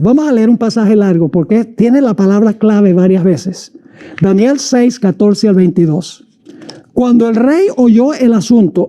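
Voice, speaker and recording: High, bright-voiced male pastor preaching. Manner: slows and stretches words when reading quoted lines aloud. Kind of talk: sermon reading scripture.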